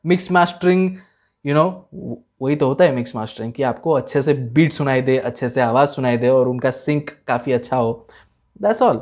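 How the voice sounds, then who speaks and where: Reacting to music as host, a young man talks with casual excitement at medium pitch and normal speed, mixing English with Hindi and tossing around "man" and "bro."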